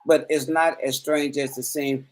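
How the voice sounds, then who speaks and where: A man co-hosting a casual chat explains his point earnestly and at length, often repeating words along the way. His voice is a little high and flat, and he speaks unhurriedly on a low-quality recording.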